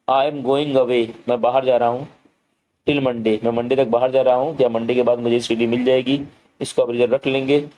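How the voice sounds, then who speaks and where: A man's voice: mid-range voice, mellow, poor audio. A man teaching a school English lesson, reading each line of the text and explaining it in Hindi. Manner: reads English lines slowly, then explains them in Hindi.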